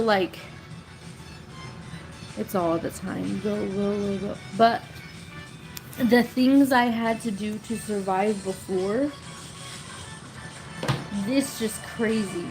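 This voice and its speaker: A storytelling creator in her thirties chats on a casual live stream, rambling through stories from her past and often breaking into laughter. Her voice sits fairly high, and the recording is rough.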